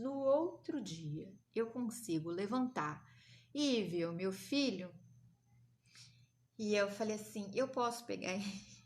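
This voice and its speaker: A woman from Brazil hosting a live stream, telling a personal story to her viewers with emotional, animated retellings. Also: mid-range voice, slight background noise.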